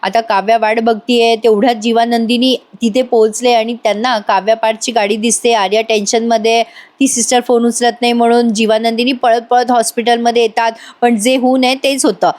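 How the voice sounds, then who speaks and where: A woman's voice: on the high side, level tone, brisk, a little mellow. A woman narrating a voice-over recap of a TV serial episode, chatty and exclamatory, talking directly to her viewers. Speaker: TV serial reviewer.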